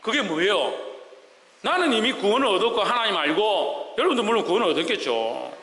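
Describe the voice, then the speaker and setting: A male pastor preaching emphatically, firing rhetorical questions and swinging between loud and soft. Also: high-pitched, sing-song, brisk, echoey room, in a large hall, rough recording. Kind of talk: sermon. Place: church sanctuary.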